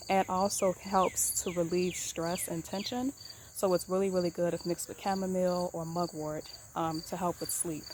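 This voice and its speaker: A woman giving a casual tour of her herb garden, talking in a relaxed, rambling way with many ums and repeated words. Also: lowish voice, a little hiss or hum. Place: outdoor garden. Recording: outdoor recording with crickets chirping behind. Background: crickets and insects.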